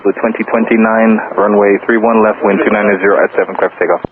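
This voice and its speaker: A man's voice: fairly low pitch, little pitch movement, quick pace. A man working as a tower controller, giving clipped, procedural instructions over aviation radio. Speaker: airport tower air traffic controller. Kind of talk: rapid clipped radio phraseology, issuing instructions. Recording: narrow, staticky air traffic radio transmission.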